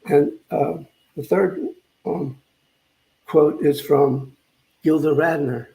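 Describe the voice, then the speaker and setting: An older man, a minister, gives a conversational spiritual talk, reflective and halting, often repeating phrases. His voice is warm and on the high side with vocal fry, and the recording quality is low.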